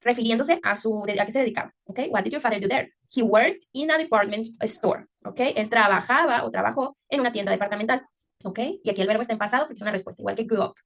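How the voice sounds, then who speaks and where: A woman teacher explaining English grammar in Spanish, often checking understanding with a quick "ok?" and slowing down to stress English words. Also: a little high, gravelly. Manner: slows down to exaggerate English pronunciation. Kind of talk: online English class taught in Spanish.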